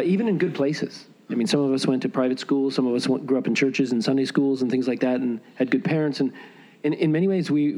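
A man's voice: mid-range voice, a little mellow. A man hosting a casual podcast, asking probing questions in a playful, hesitant way. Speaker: podcast host. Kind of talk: casual conversation.

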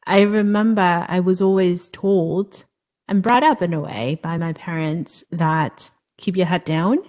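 A woman's voice: lowish voice, a little slow, a little mellow. A middle-aged woman from Hong Kong, hosting an interview and sharing her own view in an engaged, reflective way. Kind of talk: conversational interview.

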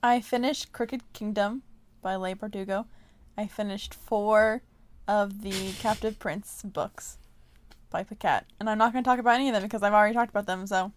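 A woman's voice: mid-range voice, fairly even intonation, moderate pace, no echo. A young woman from California co-hosting a podcast, blunt and wry in casual chat. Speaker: podcast co-host.

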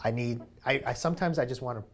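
A young man tells a long personal story in relaxed conversation. He talks in an easygoing, chatty way and laughs often, with plenty of fillers and restarts. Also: mid-range voice, fast. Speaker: guest sharing a mattress story. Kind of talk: casual chat.

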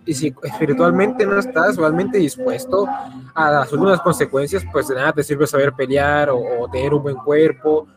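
A man's voice: on the high side, steady tone, moderate pace. A man in a casual group chat making an earnest point.

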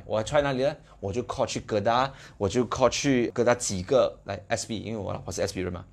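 A young man with a Malaysian accent, hosting a motivational live video and telling a story in an animated, exclamatory way. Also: medium pitch, vocal fry, husky.

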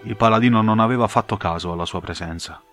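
A man narrating a fantasy audiobook in a measured, dramatic storytelling manner. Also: on the low side, a bit bright, faint music behind.

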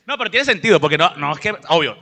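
Very bright, joking man. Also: fairly high pitch, quick pace, creaky, long reverb tail. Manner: joking, animated, puts on voices. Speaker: co-host. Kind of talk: casual chat.

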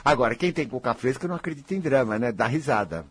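A man's voice: mid-range voice, animated, quick pace, slightly rough. A man with a Brazilian Portuguese accent giving an emphatic motivational talk, speaking straight to his listeners and repeating key phrases. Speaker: spiritual self-help speaker.

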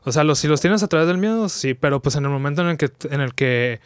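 Slangy young Mexican man, smooth voice. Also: on the high side, animated, quick pace, dry recording, studio quality. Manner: slangy, rambling, many restarts. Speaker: podcast guest, video creator. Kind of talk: casual chat, retelling an anime plot.

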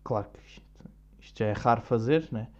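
On a dull lo-fi recording, a young man with a European Portuguese accent delivers a rambling, slang-laden podcast monologue. He talks briskly at medium pitch.

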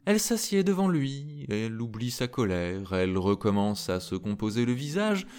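A man reading a fairy tale aloud in an expressive, dramatic way. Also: mid-range voice, normal speed, clear, resonant tone. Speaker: narrator. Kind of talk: storybook reading. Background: faint music.

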